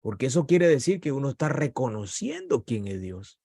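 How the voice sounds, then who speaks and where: A man's voice: big pitch swings, normal speed, vocal fry, dark tone, dry recording, clean studio sound. A man preaching a sermon with passion, his voice rising sharply at points of emphasis. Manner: impassioned preaching with sudden rises in pitch. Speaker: pastor.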